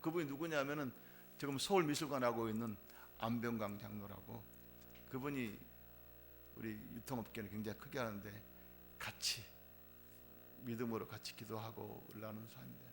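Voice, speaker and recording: A man's voice: medium pitch, fairly even intonation, normal speed, pauses often, slight background noise. A middle-aged man preaching a sermon, telling a personal testimony and rising to emphatic fervor. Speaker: pastor.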